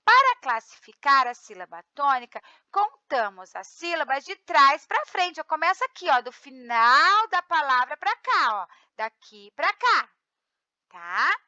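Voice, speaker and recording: A Brazilian woman teacher explaining grammar rules. She stresses syllables slowly and checks in with her students often. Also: high voice, big pitch swings, sharp tone, no room sound, lo-fi sound. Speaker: Portuguese teacher. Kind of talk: grammar review lesson.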